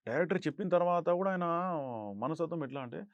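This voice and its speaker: A young actor tells stories from a film set and breaks into loud, acted-out quotes. His voice sits somewhat high, and the sound is dry and close. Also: fast, no room sound, muffled recording. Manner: acts out quoted lines in raised voice. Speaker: actor guest. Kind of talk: animated storytelling interview.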